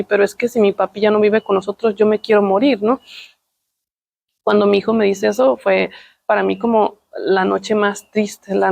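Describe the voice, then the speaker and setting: A middle-aged woman, telling her personal testimony in an emotional, halting way, often repeating words. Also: mid-range voice, vocal fry, no room sound. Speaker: testimony speaker.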